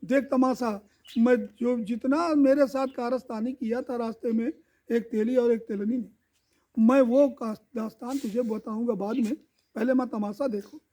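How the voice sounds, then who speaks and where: A man's voice: very high voice, steady tone, normal speed, mellow. A man voicing a poor young Brahmin man in a folk tale, earnest and commanding.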